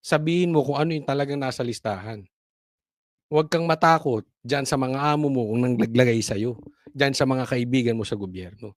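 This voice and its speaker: A man's voice: medium pitch, a little fast, no echo, studio quality. A man giving mocking, conversational political commentary on his own show. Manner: animated, mocking, conversational with chuckles.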